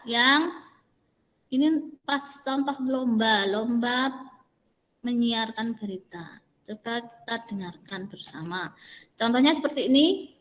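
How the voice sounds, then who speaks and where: A woman's voice: high voice, fairly bright tone, big-room sound. A woman teacher patiently explaining pronunciation and intonation step by step during an online class, modelling examples as she goes. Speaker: Indonesian language teacher.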